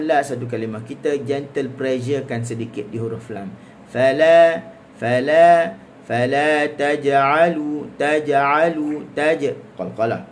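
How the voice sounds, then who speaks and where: A man's voice: mid-range voice, a little mellow, slight background noise. A man with a Malaysian Malay accent teaching Quran recitation in a live lesson. He breaks words into repeated syllables and then chants the verses melodically.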